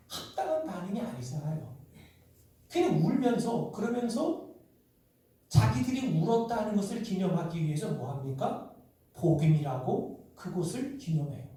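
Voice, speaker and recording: Dark-voiced pastor preaching in an echoey church. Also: male voice, on the high side, distant mic. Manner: rhetorical questions to the congregation; acts out quoted voices in dialogue. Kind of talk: sermon. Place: church sanctuary.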